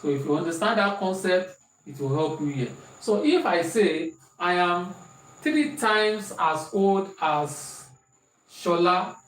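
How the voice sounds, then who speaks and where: Far from the mic, a man with a Nigerian accent speaks high, slowly, and with a fairly bright tone while teaching maths online. He works examples, repeats questions, and reads out students' answers, in an echoey room with faint hiss and his voice off-mic.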